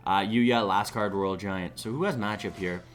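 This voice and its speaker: A man's voice: on the low side, moderate pace. A young man giving live esports commentary in a chatty, rambling way, taking asides between plays. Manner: chatty, rambling asides, animated when excited. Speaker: esports caster.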